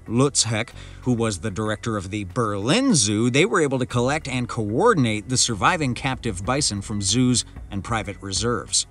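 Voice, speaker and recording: A man's voice: mid-range voice, fairly bright tone. Male nature documentary narrator over music. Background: background music.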